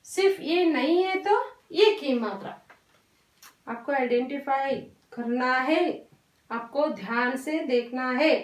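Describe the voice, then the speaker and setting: A high-pitched woman teacher talks slowly and patiently to small children, repeating each point. She is recorded from a distance in an echoey room. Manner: slow, patient, repetitive, mixes English words into Hindi. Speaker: primary school teacher. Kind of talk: recorded Hindi class for young children. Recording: roomy echo, voice from a distance.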